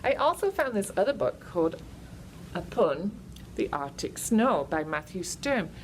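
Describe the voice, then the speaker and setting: A woman's voice: mid-range voice, very animated, measured pace, slight background noise, low-quality recording. Sing-song woman leading children's storytime. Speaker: children's librarian and storytime host. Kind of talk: children's storytime, sing-along and simple explaining.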